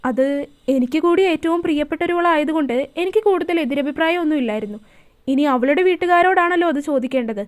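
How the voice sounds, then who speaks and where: A woman voicing a gentle but firm elderly grandmother, speaking in a calm, measured, motherly way. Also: sits high, natural voice. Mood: tender.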